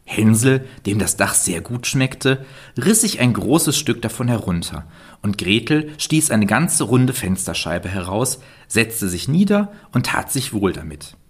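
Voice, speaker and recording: A man reading a fairy tale aloud in a calm, measured storytelling manner. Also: mid-range voice, husky.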